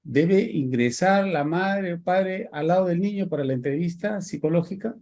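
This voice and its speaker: A man's voice: high-pitched, moderate pace, darkish tone. A man with a Peruvian Spanish accent, a student in an online class, asking a question hesitantly with fillers.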